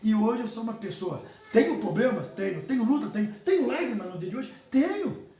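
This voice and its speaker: A man's voice: extremely high pitch, lively intonation, fairly quick, dark tone. A man, a pastor telling an emotional personal testimony in an emphatic way, repeating words for weight. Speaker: pastor giving his testimony. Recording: roomy echo, distant mic, faint background noise.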